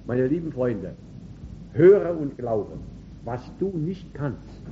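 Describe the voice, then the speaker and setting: A man preaches with fervor. His pitch leaps and falls widely, and he swings from loud calls to near-murmurs. The recording sounds dull and lo-fi. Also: very animated, takes it slowly, slight background noise. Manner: emphatic, with sudden swings between loud calls and quiet asides. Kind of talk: sermon.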